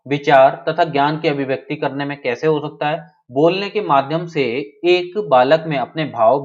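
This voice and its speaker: A male teacher giving a live online class, who often checks that his students follow and reads out their names as they answer. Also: on the high side. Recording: dull lo-fi sound.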